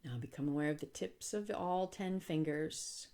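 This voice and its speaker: A woman with a deep voice guides a relaxation session as a yoga instructor. She speaks calmly and gently, leaving deliberate pauses.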